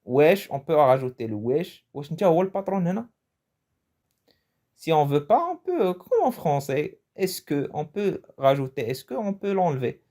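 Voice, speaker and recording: A man's voice: fairly high pitch, very animated, normal speed, hardly any pauses, dark tone. A man from Morocco giving a casual, chatty language lesson, often restarting his phrases and laughing at his own jokes. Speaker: language teacher.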